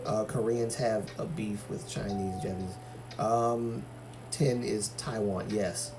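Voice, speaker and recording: Music plays in the background as an Algerian livestream host reads viewer comments and shares opinions in casual chat, full of fillers and restarts. He speaks slowly in a steady, lowish voice.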